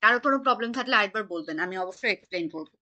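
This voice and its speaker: A woman's voice: medium pitch, expressive, racing, bright, forceful tone. A woman teaching an online German class, patiently quizzing her students on pronunciation over a video call.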